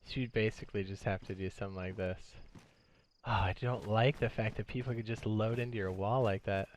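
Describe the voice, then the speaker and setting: Speaking fairly quickly in a lowish voice, this streamer gives casual live commentary on the video game he's playing, staying chatty and relaxed as he thinks out loud. There's a little background noise.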